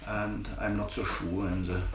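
A man in his fifties from Germany with a German accent, calmly explaining his sawmill work in a casual interview. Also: lowish voice, a little slow, slight background noise. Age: 50s. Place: living room by a tiled stove. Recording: roomy and distant.

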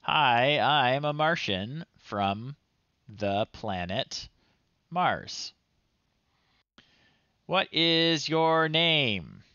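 A thirties-aged streamer hosting a retro game show commentates casually from a small room at home, reading on-screen text aloud with amused, playful asides. His medium-pitched voice is lively, pushed and bright, with drawn-out words and long pauses. The close-up recording is dry and slightly dull, with no echo.

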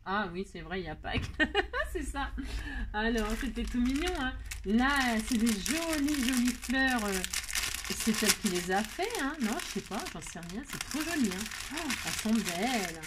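A woman's voice: on the high side, very animated, normal speed, very noisy. A woman crafting vlogger chatting casually while she unboxes gifts. She talks in a chatty, exclamatory way, laughs often and keeps adding little tag words.

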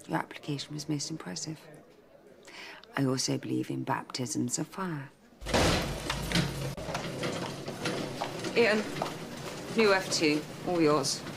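A woman's voice: sits low, measured pace, vocal fry, long pauses, heavy background noise, full character voice. A woman playing a stern, exacting senior doctor in a medical drama, clipped, authoritative and coolly sarcastic. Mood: cool, brisk. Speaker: emergency department consultant. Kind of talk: filmed medical drama acting.

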